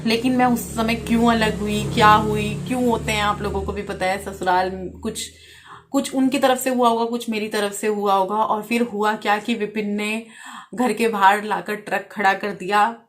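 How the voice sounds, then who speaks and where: A woman's voice: mid-range voice, fairly even intonation. A woman in her thirties, a vlogger from India, answering viewer questions in a frank, casual way. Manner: frank, talks quickly at times. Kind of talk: casual Q&A chat.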